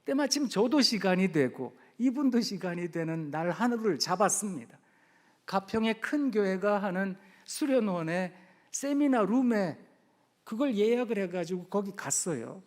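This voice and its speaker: Lively middle-aged pastor in echoing church. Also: male voice, high-pitched. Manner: animated storytelling with acted quotes. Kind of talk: sermon. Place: church sanctuary. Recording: long reverb of a church hall.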